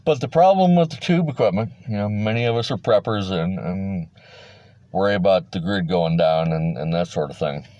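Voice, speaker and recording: A middle-aged hobbyist presenter talks in a deep, warm, animated voice at a moderate pace, rambling casually through a folksy, plain-spoken explainer for fellow enthusiasts. The audio is dull with no room sound.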